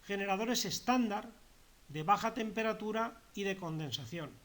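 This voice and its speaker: A man lectures on a technical subject at a methodical pace. He often repeats himself and rephrases terms. His voice sits a little high for a man. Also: moderate pace, a bit bright. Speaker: heating course instructor.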